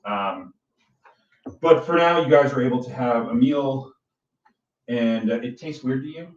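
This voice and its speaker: A man narrating as game master for a tabletop game, relaxed and filling pauses with ums. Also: mid-range voice. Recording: dull, roomy sound from a distant mic.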